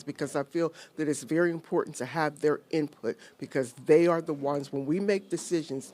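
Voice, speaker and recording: A woman's voice: deep voice, mellow. A woman giving an earnest, emphatic interview to a reporter on election night. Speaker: interview guest.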